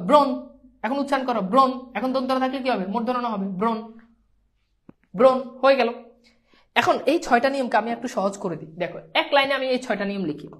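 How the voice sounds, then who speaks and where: A woman teaching a live online grammar lesson, quizzing her students and repeating each pronunciation several times. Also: on the high side. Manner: sprinkles English words into speech.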